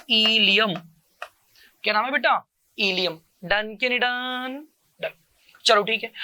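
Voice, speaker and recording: A male coaching teacher giving a lecture. He asks each question, answers it himself in a lower voice, and repeats every term to drill it. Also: sharp tone, dry recording. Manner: keeps calling the listener "beta" and repeats each term. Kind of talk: classroom lecture with call-and-response drilling.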